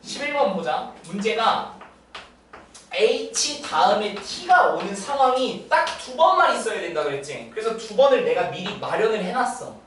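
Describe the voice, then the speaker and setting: A woman's voice: mid-range voice, sing-song, moderate pace, a bit bright. A young woman tutoring math one-on-one, walking a student through each step and checking in with frequent tag questions. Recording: roomy distant mic with faint noise.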